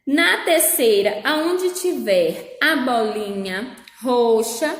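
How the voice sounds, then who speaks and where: High-voiced Brazilian teacher in echoey room. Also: female voice, expressive, very slow. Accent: Brazilian Portuguese. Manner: patient, repeats and checks with "certo?", uses diminutives. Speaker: primary school teacher. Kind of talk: explaining a worksheet to young children. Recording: echoey room with long reverb.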